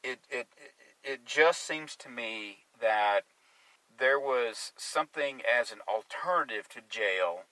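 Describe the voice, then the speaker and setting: A man's voice: medium pitch, lively intonation, takes it slowly, bright, forceful tone, dry recording, recorded from a distance, low-quality recording. A man who works as a drug and alcohol counselor, talking casually and working through his thoughts as he goes, sometimes sarcastic. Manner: conversational, sarcastic at times, searching for words. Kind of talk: casual discussion.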